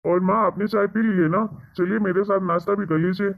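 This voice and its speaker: A man's voice: high-pitched, steady tone, fairly quick, creaky. A man voicing a short-tempered young husband in a cartoon story, scolding and bossy toward his wife. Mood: gentle. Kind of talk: animated cartoon voice acting. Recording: tinny phone-like sound.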